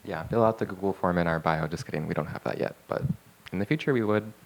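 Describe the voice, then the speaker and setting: A man's voice: sits low, fast. A man co-hosting a podcast in casual chat, rambling and chatty with lots of fillers. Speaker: podcast co-host.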